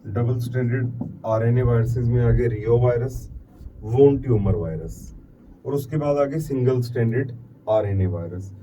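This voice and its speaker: A man's voice: medium pitch, normal speed, mellow. A middle-aged man with an Indian accent giving a classroom biology lecture, dropping in English terms, repeating key words and asking and answering his own questions. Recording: distant mic with faint background noise.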